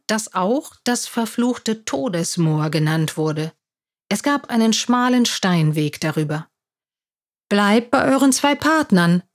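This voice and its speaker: Woman reading a children's story aloud. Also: lowish voice.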